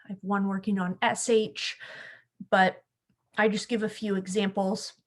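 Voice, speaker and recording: A woman's voice: medium pitch, little pitch movement, measured pace. Friendly woman explaining a tutorial. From California. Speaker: school speech-language pathologist. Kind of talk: screen-share tech tutorial.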